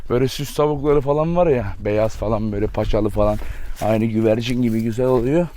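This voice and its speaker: A man's voice: mid-range voice, quick pace, dark tone. A man chatting casually to viewers while working on his farm, filmed on a camera mic outdoors, with a doting tone when he talks to his dogs. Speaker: farm vlogger. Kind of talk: casual vlog talk to viewers. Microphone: camera mic, filming alone without a tripod.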